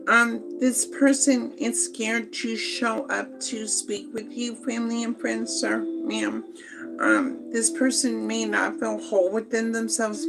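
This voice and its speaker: Woman, tarot reader, gravelly voice, unhurried and rambling, music behind. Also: on the high side, low-quality recording. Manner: slow, meandering, many fillers. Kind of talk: spoken tarot reading.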